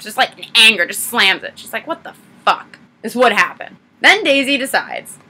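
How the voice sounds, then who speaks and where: A woman reviewing a film in a casual vlog, retelling the plot in an animated, profane way. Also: a little high.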